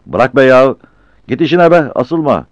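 Man voicing a young porter, loud, coarse, raised pitch, muffled dry recording. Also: quick pace, dry recording, natural voice. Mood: shouting. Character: rough young male village porter, quarrelsome.

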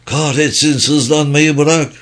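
A man's voice: fairly high pitch, fairly even intonation, takes it slowly, fairly bright tone, voice pushed up. Man doing a grim man barking orders. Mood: urgent commanding. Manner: commanding, urgent.

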